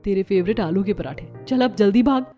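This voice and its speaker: A woman voicing a timid young woman in love, speaking softly and with worry, in a cartoon story. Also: medium pitch, brisk, faint music behind, natural voice. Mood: caring. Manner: soft, worried and hushed.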